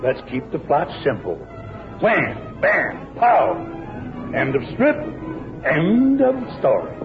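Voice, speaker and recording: An actor playing a flowery, self-important, rambling cartoonist in an old radio drama. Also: male voice, on the high side, huge pitch swings, slow, full character voice. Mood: grandly theatrical. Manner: theatrical, pompous, rambling. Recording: old radio broadcast, narrow band, music.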